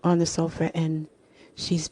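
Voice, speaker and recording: A woman narrating a story slowly and deliberately, with repetitions. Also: sits low, monotone, warm tone. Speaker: speaker.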